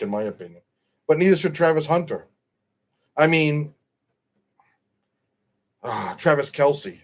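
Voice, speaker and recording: A middle-aged man hosting a stream, chatting casually about football in a rambling, opinionated way and often correcting himself. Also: medium pitch. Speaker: stream host.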